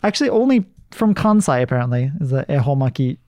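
A man's voice: mid-range voice, big pitch swings, fast talker, a little mellow, dry recording, clean studio sound. A man co-hosting a talk show, explaining things in casual conversation.

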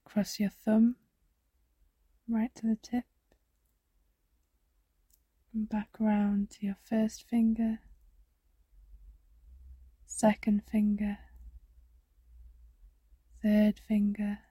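A woman leads a relaxing body scan in an unhurried, level voice, soft and slightly breathy. Her tone is mellow and calm, and she often sinks to a whisper. The sound is close and dry. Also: mid-range voice, no room sound. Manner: slow, soft, soothing, drifting into whispers. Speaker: meditation guide. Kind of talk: guided body scan meditation.

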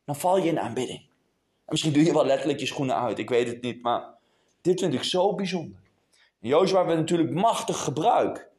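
A male preacher, speaking in a fairly high voice that rises and falls widely. He swings between hushed, intimate moments and raised, urgent appeals to his congregation. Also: animated, a little fast. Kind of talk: sermon. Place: church hall before a congregation.

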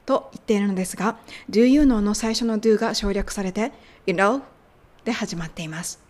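A woman's voice: medium pitch, a little mellow. Japanese woman teaching English phrases. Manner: explanatory, models English phrases slowly. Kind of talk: English lesson podcast.

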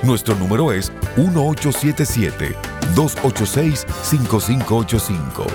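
A man reading a scripted announcement as announcer, in a smooth, measured delivery that repeats the details. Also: medium pitch, big pitch swings. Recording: announcement over clear background music.

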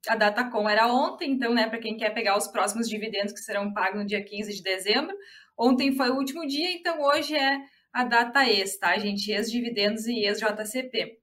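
A woman with a Rio Grande do Sul accent walks viewers through a stock chart on a live stream. Her voice sits a little high, and she keeps the talk chatty, turning to the audience again and again. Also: fairly quick, fairly bright tone. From Rio Grande do Sul, Brazil. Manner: chatty, addresses viewers as "gente". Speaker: chart analyst. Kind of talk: live market commentary.

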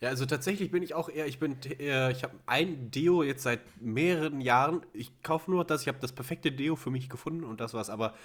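A man's voice: mid-range voice, brisk, few pauses. A man co-hosting a podcast in casual chat, talking thoughtfully and searching for his words. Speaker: podcast co-host.

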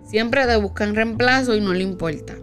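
A woman's voice: on the high side, moderate pace, soft background music. A woman telling a personal story in casual chat, acting out the lines of the people she quotes. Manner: animated, acts out quoted dialogue.

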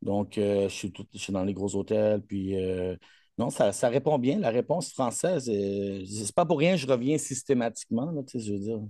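Boastful Québécois man, mellow voice. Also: fairly low pitch, normal speed, no echo, clean studio sound. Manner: boastful, rambling, heavy on fillers. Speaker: coach being interviewed. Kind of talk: casual interview chat.

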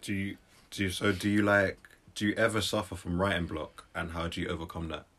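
A man's voice: sits low, flat delivery, a little fast, fairly bright tone. A young man, hosting a casual, chatty interview. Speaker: interviewer, host.

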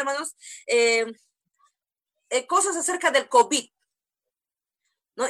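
A woman's voice: high-pitched, a bit bright. A woman preacher giving a conversational sermon, full of rhetorical questions addressed to her listeners.

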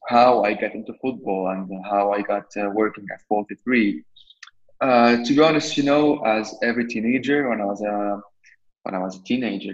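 A man's voice: fairly low pitch, highs cut off. A man in his twenties from Lebanon, a podcast guest answering questions casually, rambling with many restarts and fillers. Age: 20s.

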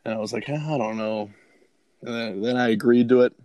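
A man's voice: mid-range voice, fairly quick, a little mellow, no echo. Rambling male storyteller, filler-heavy, dry studio sound. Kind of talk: casual chat, storytelling.

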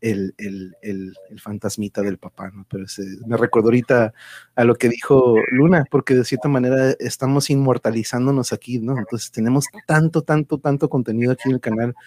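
A man's voice: medium pitch, fairly even intonation, a little fast, a little mellow, no echo. A man with a Mexican accent chatting casually and ramblingly as the host of an online livestream.

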